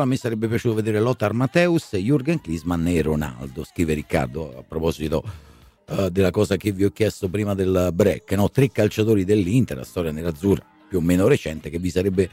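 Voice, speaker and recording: A middle-aged male radio host talks conversationally to his listeners in a fairly low voice. His intonation swings animatedly, and music plays behind him. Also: dark tone, no echo. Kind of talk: conversational live radio hosting.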